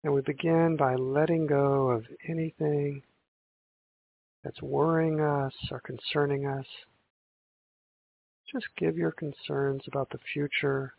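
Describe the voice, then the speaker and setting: A man leading a guided meditation in a slow, soothing sleep story narrator manner, with long pauses between gentle instructions. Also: a little high, vocal fry. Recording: muffled, phone-like narrow sound.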